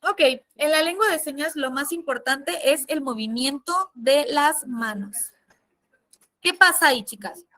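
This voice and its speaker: A Mexican woman, a sign language interpreter, teaching a casual class in an expressive, chatty way. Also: sits high, unhurried. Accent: Mexican Spanish. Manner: lively, expressive, chatty with fillers.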